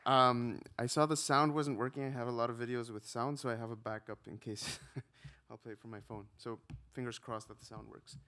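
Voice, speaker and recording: A man from Ecuador, likely in his thirties, giving a relaxed conference talk with frequent ums and a self-deprecating touch. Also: medium pitch, fairly quick, few pauses. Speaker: conference speaker, researcher.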